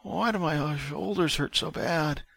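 A man's voice: fairly high pitch, measured pace, vocal fry, fairly bright tone, no echo, pitched above the performer's own voice, full character voice. A man voicing a badly injured male ship captain who talks weakly and breathlessly. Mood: weak, dazed. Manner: weak, strained and breathless.

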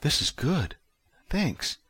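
A man's voice: a little high, very animated, slow pace, fairly bright tone, slightly rough, no echo, pitched above the performer's own voice, full character voice. A man voicing an awkward, timid young man who is new to life in space.

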